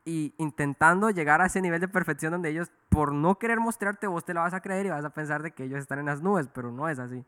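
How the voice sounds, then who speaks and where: Smooth bright man. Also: fairly high pitch, quick pace, few pauses. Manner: thoughtful, loose, colloquial. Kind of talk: casual faith talk.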